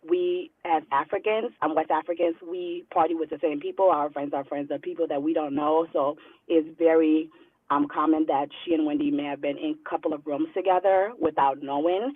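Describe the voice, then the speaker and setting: A caller from Liberia on a thin, phone-like line with no room sound. The speaker explains things earnestly and evenly, with soft fillers. It sounds dry and close. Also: mid-range voice, steady tone, fairly quick, no room sound. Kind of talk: call-in opinion.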